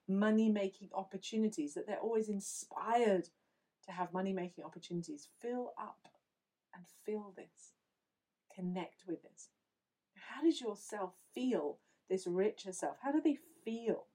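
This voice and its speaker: A woman leading a guided visualization in a slow, soothing, instructive way. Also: medium pitch, warm tone. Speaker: meditation guide.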